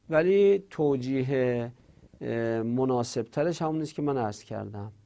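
A man teaching Arabic grammar in a Persian-language class, explaining patiently with filler pauses and rattling off conjugation tables in quick drilled runs. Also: medium pitch, creaky, dark tone. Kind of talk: classroom lecture on verb conjugation.

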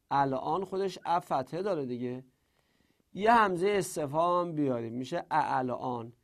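Gravelly, animated man teaching grammar. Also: on the high side. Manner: animated, emphatic, drills word forms aloud. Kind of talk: classroom lesson.

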